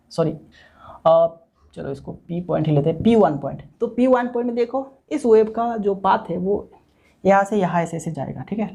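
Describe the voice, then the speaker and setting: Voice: mid-range voice, gravelly, warm tone, husky. A teacher giving a recorded online physics lecture, explaining step by step, repeating key points and checking in often with "okay". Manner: repeats points and mixes in English technical terms.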